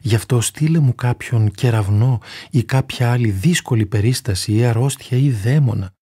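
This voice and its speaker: Old male monk, pleading, earnest, dark voice, as a male reader puts him on. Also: mid-range voice, breathy edge, no room sound, clean studio sound, natural voice.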